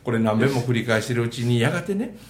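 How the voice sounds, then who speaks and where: Animated Kansai man talking shop. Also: mid-range voice, fast, roomy sound. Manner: animated, lots of fillers and acted-out quotes. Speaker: storyteller. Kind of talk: casual chat.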